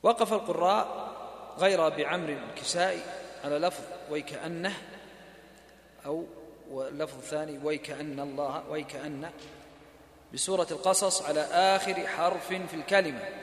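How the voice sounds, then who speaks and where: Guy teaching recitation, pretty high voice, chants the examples, lots of hall echo. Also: brisk, slight background noise. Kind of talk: lecture explaining recitation rules. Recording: echoey hall reverb.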